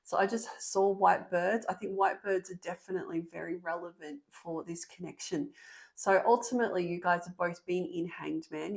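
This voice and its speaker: A woman with a slightly low voice gives a tarot reading to the people watching. She speaks earnestly and gets excited as she goes, pausing often on ums and restarting her sentences. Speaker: tarot reader. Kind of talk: tarot reading for an online audience.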